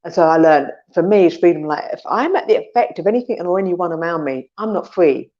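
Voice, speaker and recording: A woman's voice: fairly low pitch, animated, fairly quick, dark tone, lo-fi sound. A woman co-hosting a casual podcast chat, talking animatedly and acting out her inner voices, with some swearing. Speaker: podcast co-host.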